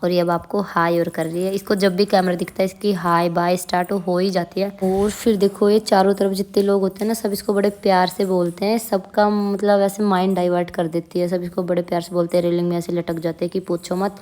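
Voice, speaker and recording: Young female vlogger, casual chatty narrator, low even mellow voice. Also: a little fast, few pauses. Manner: chatty, addresses viewers as guys.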